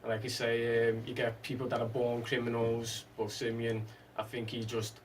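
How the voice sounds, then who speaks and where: Male actor guest, flat delivery, slightly off-mic with faint room sound. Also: medium pitch, moderate pace, far from the mic, a little hiss or hum. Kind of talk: casual interview chat.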